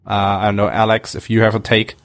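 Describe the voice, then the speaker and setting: A man's voice: lowish voice, monotone, fast talker, no room sound. A man hosting a podcast, reading out listener questions hesitantly with many fillers. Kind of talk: casual podcast chat.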